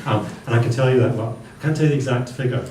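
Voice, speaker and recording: A man's voice: medium pitch, rapid-fire, darkish tone. A man from the Western Isles of Scotland with a Hebridean accent, performing a live stand-up comedy monologue in a dry, wry storytelling manner. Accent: Hebridean Scottish. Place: live comedy venue with audience. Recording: echoey room, distant mic, faint noise.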